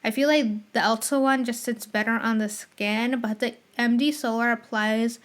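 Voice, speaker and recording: Female podcast host, slightly high voice, casual and chatty, mild lisp from a retainer. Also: fairly even intonation, normal speed. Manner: chatty, rambling, corrects herself on the fly. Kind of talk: casual solo podcast chat.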